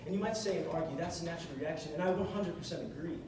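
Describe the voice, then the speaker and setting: A young man delivers a short, earnest sermon very fast in a slightly high voice, repeating phrases for emphasis. He stands on a stage at a music stand in a large carpeted hall. A far-off camera mic across the room captures boomy echo and room hiss.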